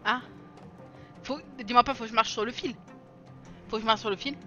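A young woman chatting through a co-op video game session, excitable and self-mocking, often laughing and shouting at the game. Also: fairly high pitch, fairly quick, highs cut off, soft background music. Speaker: streamer playing a co-op video game. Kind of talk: casual let's-play chatter.

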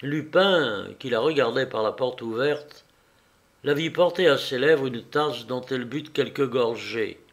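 A man giving a measured, scripted narration of a novel as an audiobook reader. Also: mid-range voice.

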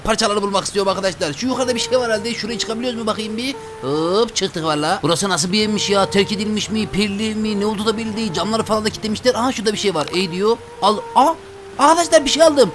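High, fast, excitable young gaming host. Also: male voice, noisy background. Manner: excitable, exclaims often, talks to viewers. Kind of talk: excited let's-play commentary.

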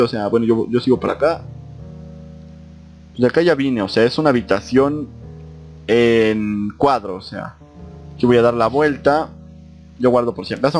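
A young man narrates his playthrough of a horror game in a playful way. His voice sits at an ordinary male pitch but jumps into high yelps when startled. Faint guitar music plays behind him. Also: a little mellow. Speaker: gaming YouTuber. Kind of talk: let's play commentary, reading game text aloud.

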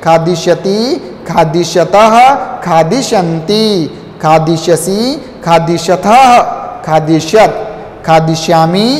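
A man teaching a school lesson, reciting word forms in a slow chanting drill for pupils to repeat. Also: high voice. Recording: echoey, reverberant room.

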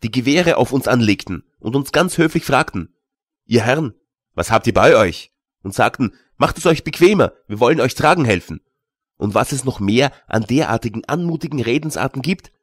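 A man's voice: medium pitch, lively intonation, moderate pace, no echo, clean studio sound, natural voice. A man voicing a scoffing young journeyman. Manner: scoffing, lecturing. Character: bold, mocking young journeyman blacksmith. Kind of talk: audiobook character reading.

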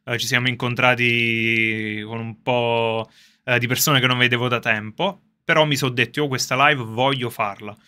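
A man chatting casually to his viewers on a livestream from a soundproofed underground gaming room, excitable and quick to laugh. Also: medium pitch, clean tone. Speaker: streamer reacting live to a game reveal. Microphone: streaming setup with facecam.

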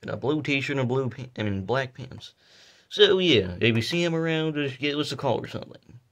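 A man voicing a bumbling male TV news anchor in a homemade story, rambling and correcting himself, a little quieter than his usual talk. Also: mid-range voice, animated, normal speed, lightly acted. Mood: announcing.

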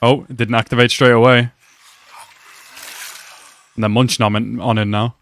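A young man reacting to an anime episode at home, talking excitedly and exclaiming often. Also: medium pitch, normal speed. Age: young adult. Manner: animated, exclaims and laughs often. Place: small room at home.

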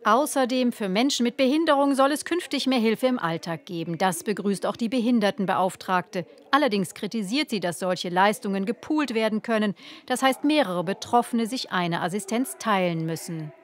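A woman reading a scripted news report as a voice-over, measured and clear. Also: mid-range voice.

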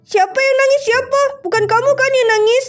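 A woman voicing a squeaky, excitable big sister. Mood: excited. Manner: bright, exclaiming, quick questions. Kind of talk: voiced game drama.

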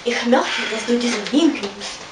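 A woman's voice: a little high, animated, a little slow, a little hiss or hum. A young woman with a Ukrainian accent playing a courteous young suitor who offers a gift, in a school play. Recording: echoey room from far off, music behind.

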